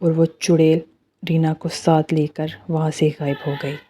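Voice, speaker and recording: A woman telling a horror story in a plain, steady narrating voice. Her pitch sits low and her tone is warm and mellow, with no brightness. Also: unhurried, slight background noise.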